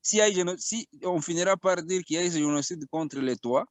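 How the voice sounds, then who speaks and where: A man from the Congo makes his case as a radio interview guest, earnest and argumentative, restarting phrases as he presses on. His voice sits a little high. The sound is dry and close, with no room around it. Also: quick pace, dry recording. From Congo (DRC).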